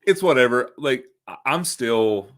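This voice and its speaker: A man co-hosting a casual live Q&A stream, talking in a shy, halting way with lots of fillers. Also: mid-range voice, expressive, a bit bright. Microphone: streaming mic.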